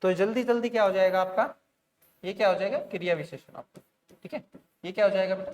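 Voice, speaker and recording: A man's voice: sits high, quick pace, a little hiss or hum. Man teaching a grammar class. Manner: explains step by step, often asks the class questions; sprinkles fillers like "theek hai" and "bhai". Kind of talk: online grammar lesson.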